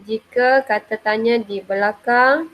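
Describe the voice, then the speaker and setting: A woman's voice: fairly high pitch, fairly even intonation, fairly bright tone, poor audio. A woman teacher giving a grammar lesson, who says "okay" again and again as she explains step by step. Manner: says "okey" often, slow and explaining. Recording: faint background noise.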